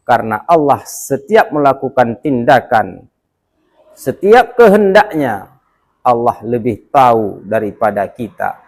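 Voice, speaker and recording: A man's voice: medium pitch, big pitch swings, measured pace. A man, a religious teacher, delivering a storytelling sermon with dramatic, emphatic rises and drops. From Aceh.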